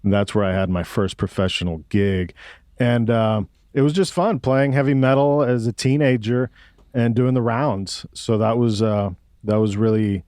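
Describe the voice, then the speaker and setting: A guest musician in his forties, from Mexico City, talks in a lowish, slightly mellow voice at a normal speed. He thinks aloud in a casual, reflective interview chat full of laid-back slang. The audio is studio quality with no room sound.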